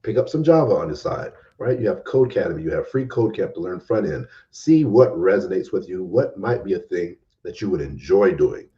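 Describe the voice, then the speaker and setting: A man's voice: low-pitched, lively intonation, brisk, hardly any pauses, warm tone, recorded from a distance, dull audio. A man talking as a guest on a podcast, giving earnest, emphatic advice and repeating key phrases. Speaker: guest developer advocate. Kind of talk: casual podcast conversation.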